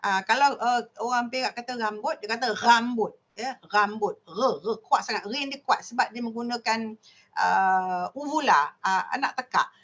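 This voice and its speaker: A woman of around sixty with a Malaysian Malay accent, giving an academic seminar lecture on dialects and explaining patiently with many drawn-out "ah" fillers while imitating speech sounds. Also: on the high side, a bit bright. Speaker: linguistics lecturer. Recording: dull lo-fi recording.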